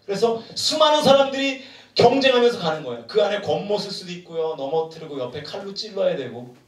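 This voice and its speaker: A male pastor preaching a sermon at a retreat, animated and joking, throwing questions to the crowd. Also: high-pitched, quick pace. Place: large room at a retreat. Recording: echoey room from far off.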